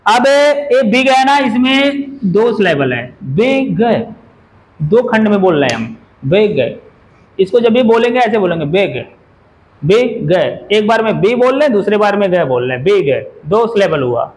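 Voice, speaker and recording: A man's voice: high voice, sing-song, moderate pace, few pauses, rough recording. A man teaching a grammar lesson in a classroom, who keeps firing questions at his students and drills words by saying them over and over. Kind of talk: classroom lecture.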